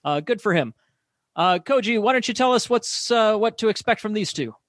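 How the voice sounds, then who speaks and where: A man doing mock play-by-play commentary, deadpan and full of hesitant fillers. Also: high-pitched, moderate pace, dry recording, studio quality. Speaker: play-by-play announcer.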